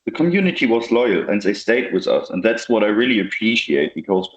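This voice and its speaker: A young man, a software developer, talking casually as an interview guest, with many fillers and restarts. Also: on the low side, big pitch swings, fairly quick, echoey room, muffled recording. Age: young adult.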